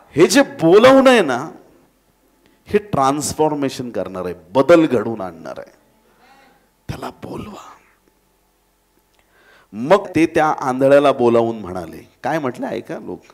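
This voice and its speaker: A man's voice: medium pitch, a little mellow. A man preaching a sermon in church, dramatically acting out voices and calling out to the congregation. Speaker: pastor.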